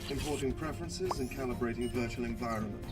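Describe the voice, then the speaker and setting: A man playing a polite, formal male AI butler assistant with a courteous, measured manner. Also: mid-range voice, loud music behind the voice, close to an everyday voice. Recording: distant voice over loud film score.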